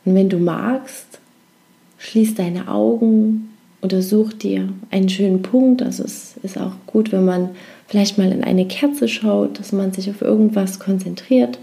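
A woman informally introduces a meditation in a gentle, encouraging and reflective way. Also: medium pitch, steady tone, a little slow, creaky. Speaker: meditation guide.

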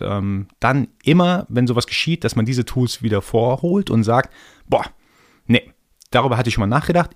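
Gravelly-voiced man musing on a podcast. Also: mid-range voice, no room sound, studio quality. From Iran. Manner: thoughtful, explaining step by step. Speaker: podcast host. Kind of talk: solo podcast monologue.

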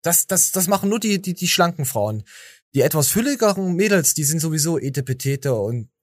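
A man's voice: a little high, sing-song, brisk, no room sound, clean studio sound. A tired man hosting a podcast, rambling and joking with stammering restarts. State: tired from little sleep. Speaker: podcast host. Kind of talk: casual chat.

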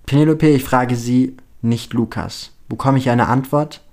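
A man's voice: mid-range voice, a little slow, darkish tone, close to an everyday voice. Man voicing a stern male teacher, questioning, firm.

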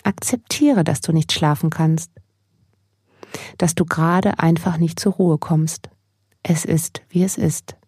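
Low, creaky, soothing female sleep meditation narrator. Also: slow, darkish tone, no echo, studio quality. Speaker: podcast host, mindfulness coach.

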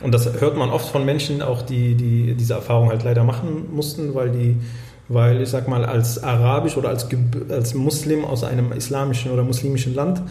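Man in a roomy echo, dark tone. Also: mid-range voice, steady tone. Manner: halting, many fillers and restarts. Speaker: podcast co-host. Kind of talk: casual discussion.

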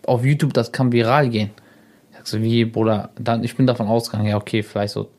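A man's voice: medium pitch, fast. A young man, a YouTuber guest on a radio show, telling stories casually and acting out the quoted dialogue. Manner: animated, acts out quoted dialogue. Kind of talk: casual storytelling.

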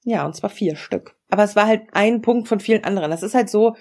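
A woman in her forties speaking as a podcast guest, laying out her story in a frank, matter-of-fact way. Her voice is mellow and a little husky, and she drops in fillers as she explains. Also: medium pitch, fast talker. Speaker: interview guest. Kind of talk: personal storytelling in a podcast interview.

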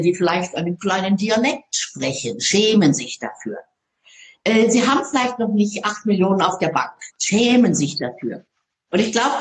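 Animated woman speaker in an echoey room. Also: medium pitch. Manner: lively, expressive storytelling. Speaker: public speaker. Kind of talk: interview conversation.

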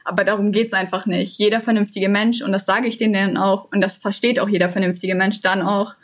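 Young german woman chatting earnestly, long flowing sentences. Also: medium pitch. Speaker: interview guest. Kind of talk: casual conversation.

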